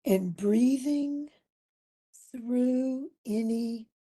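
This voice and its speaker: This meditation instructor is a woman with a fairly high pitch who guides the session gently and soothingly. She pauses for long stretches, and her breathy voice at times is almost a whisper.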